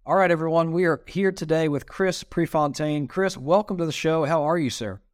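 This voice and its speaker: A podcast host with a Southern US accent runs a loose, chatty interview, sprinkling in plenty of "you know" fillers. His voice is fairly high and his speed normal, captured in a clean studio with no room sound.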